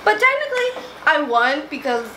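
Young woman, vlog host, casual chat, slightly high voice, roomy noisy sound. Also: sing-song, normal speed. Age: young adult. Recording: echoey, noisy home recording.

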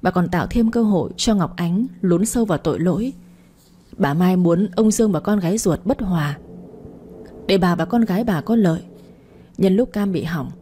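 A woman tells a late-night radio story in a calm, even reading voice. Her tone is low, warm and mellow, with a soft, breathy husk to it. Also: moderate pace. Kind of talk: scripted story narration.

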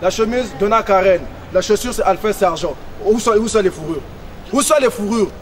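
A man's voice: high-pitched, normal speed, slight background noise. A man, boasting showily about his clothes in street banter outdoors. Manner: showy, boastful.

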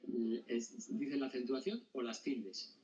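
A man's voice: medium pitch, slow, mellow. A male teacher explains a lesson to his class and keeps checking whether the students follow. He is heard across the classroom, and the sound is dull and lo-fi. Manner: explanatory, often checks understanding with questions. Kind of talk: classroom lecture. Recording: dull sound, mic at a distance.

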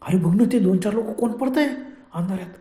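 A man's voice: sits high, a little fast, dark tone, roomy sound, lightly acted. A man voicing a nervous young man in a horror story, anxiously questioning his companion. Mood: uneasy. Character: nervous young man carrying cash in the dark.

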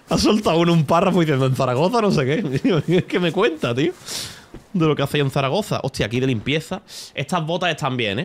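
Andalusian guy rambling and cursing at his stream chat, talks quick, faint hum behind. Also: medium pitch, fairly bright tone. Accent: Andalusian Spanish. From Spain. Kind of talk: gaming livestream commentary. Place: home streaming setup.

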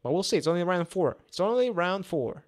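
Casting: male fight commentator, twenties, slightly high voice, native Russian with a Russian accent, casual and repetitive, close podcast mic. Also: expressive, fairly quick. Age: 20s. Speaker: boxing commentator. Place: small indoor room. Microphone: close podcast microphone on a boom arm.

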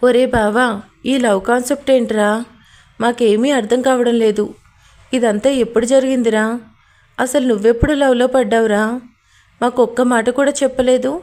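A woman's voice: a little high, fairly even intonation, normal speed, long pauses, a little mellow, natural voice. A woman voicing a bossy young man who scolds and questions his friend in an audio story. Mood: nagging. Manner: scolding, nagging.

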